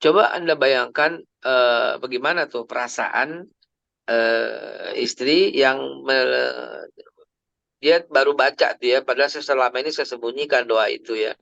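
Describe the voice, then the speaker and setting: A man's voice: mid-range voice, unhurried, gravelly, a bit bright, no echo. A man, telling personal stories in a chatty family sermon and sprinkling in English phrases. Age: 50s. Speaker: Islamic preacher. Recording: dry, slightly dull lo-fi recording.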